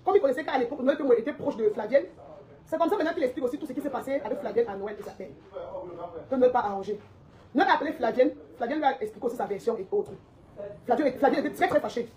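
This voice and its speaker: A woman's voice: sits high, lively intonation, quick pace, mellow. A woman delivering a heated, confrontational social media rant, repeating her points and laughing mockingly.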